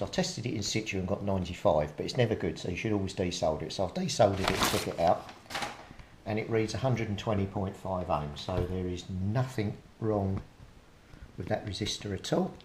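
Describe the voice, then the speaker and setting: Working hands-on in his repair video, this British radio enthusiast speaks at normal speed in a low voice, musing aloud with some hesitation. Clicks and noise run clearly through the recording.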